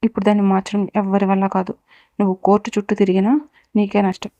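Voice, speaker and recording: ఒక స్త్రీ పలికించిన చల్లగా, పగతో బెదిరించే యువ వ్యాపారవేత్త. స్వరం ఏకరీతిగా, ముదురుగా, ప్రశాంతంగా ఉంటుంది. ఇది కాస్త మందమైన, ప్రతిధ్వని లేని recording. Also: female voice, mid-range voice, little pitch movement, quick pace, warm tone, dry recording, close to an everyday voice. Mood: threatening. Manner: coolly menacing, lays out accusations. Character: cold, powerful young businessman, vengeful. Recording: dull, dry recording.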